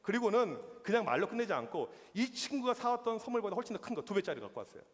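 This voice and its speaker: Man, youth pastor, high voice, animated sermon storytelling, echoing church hall. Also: quick pace. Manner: animated, acts out dialogue, laughs often. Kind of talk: youth sermon with comic stories. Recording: long hall reverb.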